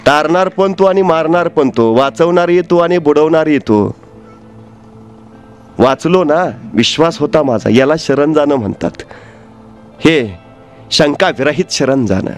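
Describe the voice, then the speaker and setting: A man giving a motivational speech, telling a story with rhetorical questions and dramatic swings between loud and soft. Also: fairly high pitch, expressive, measured pace, long pauses, faint music behind. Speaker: motivational speaker.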